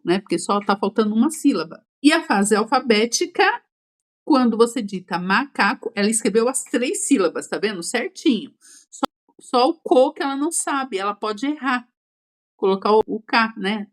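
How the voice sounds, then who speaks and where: A woman teaches an exam-prep class in a slightly high voice. She explains each point step by step and keeps checking in with quick questions to her students.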